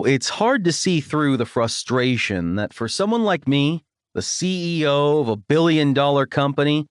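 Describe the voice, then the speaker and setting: A man narrating a first-person romance audiobook in a wry, expressive storytelling manner on a studio microphone. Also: a little high, clean tone, no echo.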